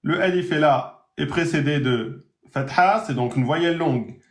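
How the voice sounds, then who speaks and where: A man teaching the Arabic alphabet in a live online lesson, drawing out each example word slowly. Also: a little high, reverberant. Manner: slow drawn-out pronunciation of example words.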